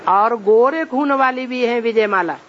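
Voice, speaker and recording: A man giving a religious discourse, explaining slowly and asking rhetorical questions of his listeners. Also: very high voice, lo-fi sound, slight background noise. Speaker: spiritual teacher.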